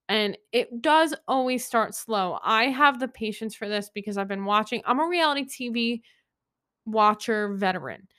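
A woman's voice: fairly high pitch, a bit bright, clean tone. Chatty opinionated young woman podcaster. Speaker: podcast host. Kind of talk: solo podcast rambling review.

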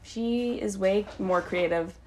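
A woman's voice: medium pitch, takes it slowly, slight background noise, low-quality recording. A young woman hosting a podcast in casual chat, rambling and swearing, often giggling as she introduces friends. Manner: giggly, breaks into laughter often. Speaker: podcast host.

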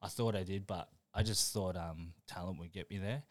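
A man's voice: deep voice, steady tone, moderate pace, no echo. A young man, a podcast guest chatting casually, laid-back and laughing often as he trails off mid-sentence. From New Zealand. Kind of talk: casual chat.

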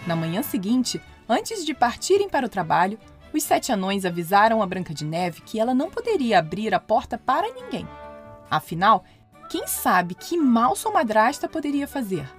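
Woman storyteller, children's story, expressive, higher voice, soft music behind. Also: normal speed. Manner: expressive, playful.

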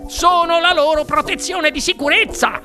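Man voicing a frantic, high-pitched chocolate maker. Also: normal speed, faint music behind. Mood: commanding. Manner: loud, commanding, theatrical exclamations. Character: wildly excited eccentric male chocolate-factory owner. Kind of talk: audiobook character reading.

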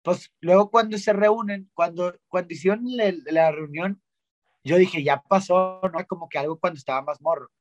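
A young man from Monterrey, telling stories as a guest in a casual, slangy, animated way with lots of restarts. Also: high voice, moderate pace, no room sound, highs cut off, faint music behind. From Monterrey, Mexico. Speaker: guest singer-songwriter. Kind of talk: casual interview chat.

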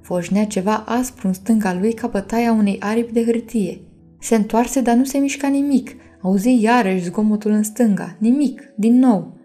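A woman reading a bedtime story aloud, gently addressing her young listeners. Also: fairly high pitch, faint music behind.

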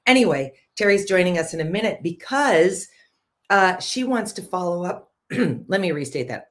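A woman hosting a casual conversational interview in a chatty, self-deprecating way. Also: low voice. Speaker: show host.

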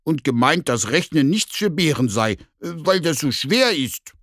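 A man's voice: on the high side, very animated, a bit bright, no echo, studio quality, voice pushed up, full character voice. A man doing a grumbling storybook bear. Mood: grumpy. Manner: grumbling and slow. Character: grumpy good-natured bear starting school.

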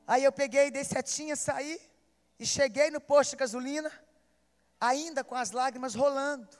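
A Brazilian woman pastor preaches with a high, bright-pitched voice, swinging between loud, urgent appeals and hushed, tender storytelling. Her voice rings out through an echoey hall with a long reverb tail. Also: fairly even intonation, normal speed. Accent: Brazilian Portuguese. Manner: emotional storytelling, calls out to listeners. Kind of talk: sermon.

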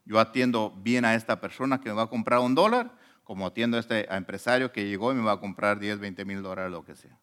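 A man preaching a sermon as a pastor, conversational and animated, often asking rhetorical questions. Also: fairly low pitch, fast talker.

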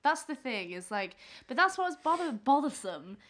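Young woman podcast co-host with a high voice and lively pitch, blunt and opinionated. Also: moderate pace. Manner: emphatic, swears, opinionated. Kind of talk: casual chat.

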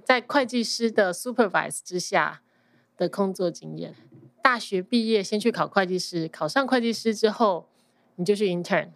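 A woman's voice: mid-range voice, normal speed, creaky, dry recording. A woman with a Taiwanese Mandarin accent talks casually as an interview guest, dropping English words into her sentences. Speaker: podcast guest, accountant.

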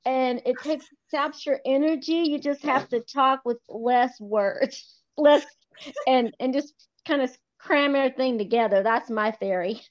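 Southern-accented woman from Texas, high voice, dull lo-fi call audio, easygoing. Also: unhurried. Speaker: book club organizer. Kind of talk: casual interview chat.

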